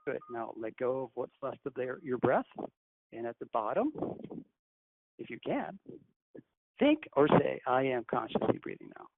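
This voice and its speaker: Gravelly man on a tinny phone line. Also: mid-range voice, lively intonation, background noise. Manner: measured, instructive, commanding. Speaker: channeler leading a group call. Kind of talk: guided breathing meditation. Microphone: conference call phone.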